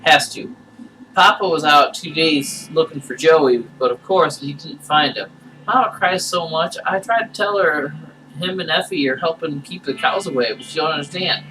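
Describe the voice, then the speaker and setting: A man's voice: a little high, moderate pace, sharp tone, slight background noise, voice pushed up. A man voicing a frightened young farm girl reading her diary, with simple, folksy childlike phrasing, in a game playthrough. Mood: worried, reluctant. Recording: distant mic, music behind.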